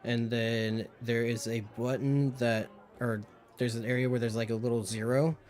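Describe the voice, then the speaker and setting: A man's voice: medium pitch, little pitch movement, normal speed, a little mellow. A man acting as game master, describing a scene and explaining dice rolls with many fillers. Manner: rambling, lots of fillers. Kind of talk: narrating a tabletop game over voice chat.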